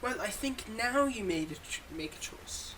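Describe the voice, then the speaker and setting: In an intimate roleplay audio monologue, a man plays a weary, wry supervillain with a secretly kind side, sounding surprised and hopeful. He talks conversationally and a little hesitantly, in a high-pitched, animated, bright and forceful voice at moderate speed. The recording is rough, with a slight hiss or hum.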